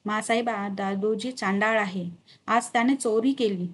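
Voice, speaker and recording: A woman's voice: mid-range voice, fairly even intonation, unhurried, natural voice. A woman voicing an aged, devout male steward who reproaches himself with anguished, pleading speech.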